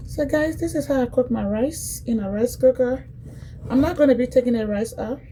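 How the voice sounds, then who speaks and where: Mellow chatty woman. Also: sits high, moderate pace, a little hiss or hum, rough recording. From Liberia, West Africa. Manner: chatty, repeats phrases, addresses viewers directly. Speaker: cooking vlogger. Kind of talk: casual cooking demonstration.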